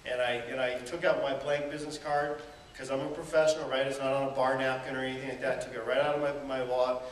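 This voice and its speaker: Mid-range and flat in delivery, this man talks fast while giving a high-energy motivational seminar full of stories and rhetorical questions to the audience. The event hall recording is echoey, taken from far off, with faint noise.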